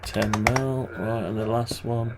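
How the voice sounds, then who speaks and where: A man with a groggy, gravelly morning voice and vocal fry endings, giving casual, hesitant think-aloud commentary on his screen work. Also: mid-range voice, steady tone, slow, very noisy. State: groggy morning voice, clearing throat. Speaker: maker narrating a design tutorial.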